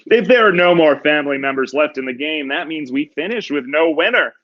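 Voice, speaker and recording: Actor as smug male game show host, booming prize-announcer style, raised pitch, slightly muffled recording. Theatrical, drawn-out build-ups. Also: lively intonation, lightly acted.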